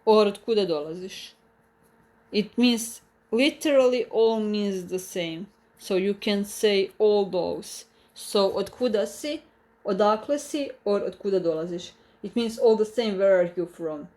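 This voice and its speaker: Her pitch sits in the medium range and her tone is somewhat dark. She is a woman with a Croatian accent, a native speaker of Croatian, leading a live online language class where she goes slowly and carefully, restarting frequently and repeating examples.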